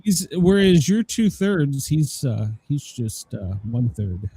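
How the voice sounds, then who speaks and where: A man's voice: fairly high pitch, sing-song, slow, warm tone, husky, no echo. A man hosting a live radio show with casual, rambling, irreverent comedic chat.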